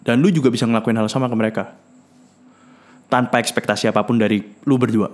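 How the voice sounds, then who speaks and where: A man's voice: medium pitch, steady tone, fast. Man, podcast host, casual rant, blunt and profane, drops in english words, stumbles and repeats. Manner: repeats words and restarts often.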